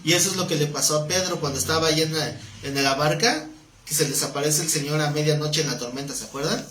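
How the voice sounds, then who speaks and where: A fast-talking man with a fairly bright, higher-pitched voice runs a live-streamed Bible class, chatting with listeners and often quizzing them. Faint background noise sits in a roomy-sounding recording.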